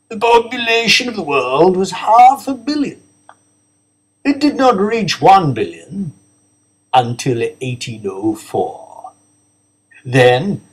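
Guy putting on a grave old prof booming at a crowd, lively pitch. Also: breathy edge, heavily acted, poor audio. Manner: slow, grave, declaiming. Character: booming old male professor lecturing a hall.

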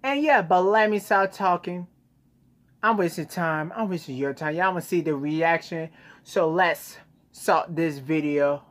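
Recorded on a phone in a small bedroom, this young adult reaction host talks casually and excitedly. His slightly high voice has a fairly bright tone and a measured pace. The home recording is noisy.

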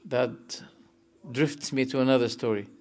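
A man giving a religious lesson and explaining scripture verses, emphatic and animated, his voice rising on key points as he tells stories. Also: medium pitch, unhurried. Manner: tells stories, sometimes emotional. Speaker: sheikh teaching Islamic creed.

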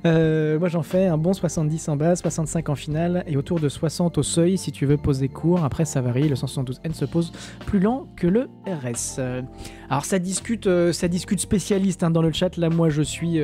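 Un streamer français sans accent qui commente un simulateur de vol en direct, lit le chat et plaisante, avec beaucoup d'hésitations. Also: male voice, a little high, brisk, dark tone, faint music behind. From France. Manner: chatty, joking, many hesitations. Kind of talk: live-stream flight sim commentary, reading chat.

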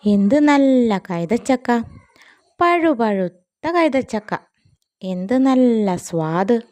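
Woman voicing a greedy storybook elephant who drawls over his fruit: slow and mellow. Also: fairly high pitch, expressive. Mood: relishing. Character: big greedy male elephant, relishing food.

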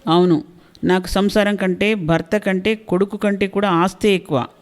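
A woman narrator voicing a middle-aged married woman who loudly and defiantly demands her property in a read-aloud story. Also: mid-range voice, fairly even intonation, normal speed, natural voice. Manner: defiant, shouting complaints. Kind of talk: storybook reading.

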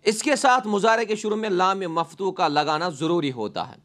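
A man with a fairly high voice teaches a grammar class. He puts questions to his students and answers them himself. He spells out the Arabic examples slowly before he translates them. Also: a bit bright. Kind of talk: grammar lesson.

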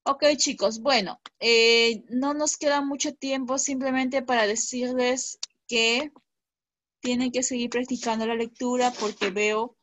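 A woman's voice: fairly high pitch, fairly even intonation, a little slow, a bit bright, slight background noise. A woman teaching an online class to schoolchildren, patient and encouraging, checking often that they follow.

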